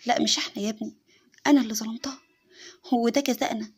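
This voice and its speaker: A woman's voice: a little high, fairly even intonation, rapid-fire, breathy edge. A woman with an Egyptian accent voicing an older mother who scolds and frets in a spoken story. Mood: scolding. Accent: Egyptian Arabic.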